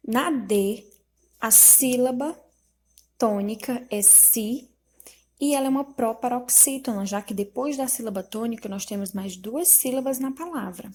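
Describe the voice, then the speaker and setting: A woman teacher reading out school exercises and explaining the answers slowly, syllable by syllable. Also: fairly high pitch, darkish tone. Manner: slow, explanatory, spells out syllables.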